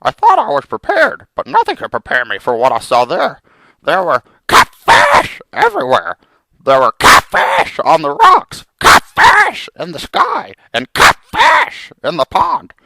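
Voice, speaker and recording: A man voicing a melodramatic, vengeful frog hero in theatrical comic storytelling, with a gravelly cartoon-like voice. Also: sits high, wildly swooping pitch, a little slow, sharp tone, slight background noise, exaggerated voice. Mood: dramatic storytelling. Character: melodramatic, vengeful male frog hero telling his journey.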